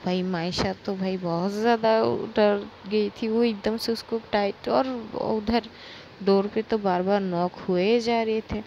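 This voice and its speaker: Gravelly-voiced woman telling a story. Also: mid-range voice, fairly even intonation, measured pace, a little mellow, lo-fi sound, slight background noise. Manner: chatty, filler-heavy retelling. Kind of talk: casual story narration.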